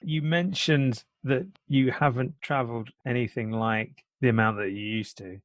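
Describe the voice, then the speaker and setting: A man's voice: medium pitch, fairly even intonation, moderate pace, dry recording. A man hosting a podcast interview, asking easygoing questions with a joking touch. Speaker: podcast host. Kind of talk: casual interview.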